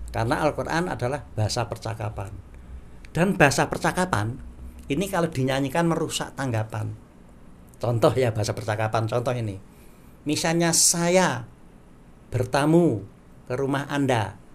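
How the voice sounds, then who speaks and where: A male Islamic teacher giving a religious lecture, who chants verses slowly and acts out everyday examples in a raised voice. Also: mid-range voice, expressive, gravelly, slight background noise.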